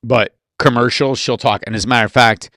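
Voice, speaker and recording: A man co-hosting a casual podcast chat, talking loudly and excitably. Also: medium pitch, fairly quick, dry recording, studio quality. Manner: loud, excitable, lively delivery. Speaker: podcast co-host. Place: small room, podcast recording.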